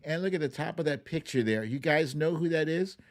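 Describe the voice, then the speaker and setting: His voice is on the high side, quick and lively in intonation. He's a livestream host running an online song-guessing game, reading out viewer names and chatting playfully and informally, chuckling as he goes.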